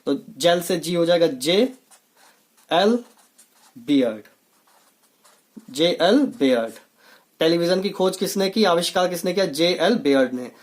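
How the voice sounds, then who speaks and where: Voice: medium pitch, normal speed. Patient coaching teacher, call-and-response drill, repeats answers. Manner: asks rhetorical questions and answers them, repeating key words; plain, patient explaining in simple steps. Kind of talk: online coaching lesson.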